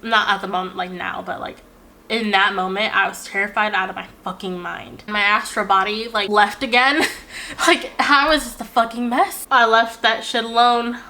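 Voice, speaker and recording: A young woman telling a personal story in a casual, animated way, swearing often and filling her talk with "like". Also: medium pitch, normal speed.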